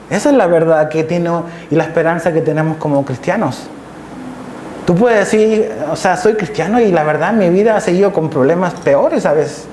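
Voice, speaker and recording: A man's voice: sits high, a little mellow, a little hiss or hum. A male pastor preaching an emphatic sermon to a live congregation, repeating key phrases and checking in with his listeners. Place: church hall, live service. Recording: echoey church hall with faint ambience.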